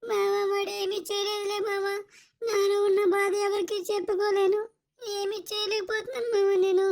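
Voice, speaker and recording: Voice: extremely high pitch, fairly even intonation, brisk. A performer voicing a worried, tearful young cartoon boy who pleads and frets in a whiny way. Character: young boy cartoon character, mischievous but anxious. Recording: loud background game music.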